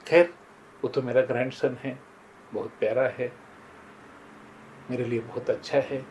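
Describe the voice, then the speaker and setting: A man's voice: medium pitch, fairly even intonation, a little slow, darkish tone, highs cut off, a little hiss or hum. An older man shares moral stories in a sincere, storytelling manner, often turning to his listeners as friends. His voice sits in a middle register, and a faint room ambience hums behind him. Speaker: motivational speaker. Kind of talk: motivational talk with personal stories.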